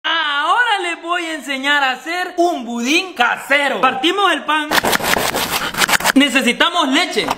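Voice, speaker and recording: A man doing comic sketches, jumping between silly voices with shouts and laughs. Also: very high-pitched, unhurried, noisy background. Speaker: comedy sketch creator. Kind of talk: comic sketches playing many characters. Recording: background music under the voice.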